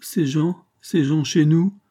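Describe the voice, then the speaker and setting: Man putting on a frightened old woman, higher pitch, whimpering, anxious, storybook. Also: fairly even intonation, slow pace, mellow.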